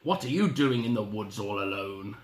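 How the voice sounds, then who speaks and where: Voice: mid-range voice, animated, moderate pace, close to an everyday voice. A reader putting on a growling, scratchy big bad wolf. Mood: sly, hungry. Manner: growling, snarling, drawn out. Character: big hungry sly male wolf, greedy villain. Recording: roomy, echoing room.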